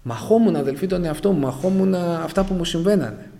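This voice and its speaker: A man from Greece with a high, gravelly, warm voice shares his conversion story as a personal testimony before a congregation. Again and again he calls them brothers, telling it in emotional fragments as his voice sinks at phrase endings.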